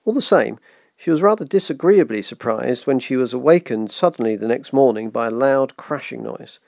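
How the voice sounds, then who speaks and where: A man hosting a virtual book club, reading a children's novel aloud in a gentle, measured way. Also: mid-range voice, expressive, gravelly, no echo, clean studio sound. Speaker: book club host and reader.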